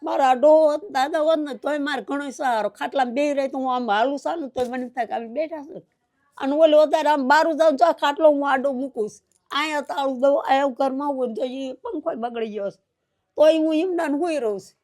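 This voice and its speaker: A woman's voice: high voice, fairly quick, a little mellow. An older woman with a rural Saurashtra Gujarati accent, crying as she tells her story in an interview and repeating that she doesn't know what to do. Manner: grieving, repeats "what can I do?". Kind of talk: tearful personal account.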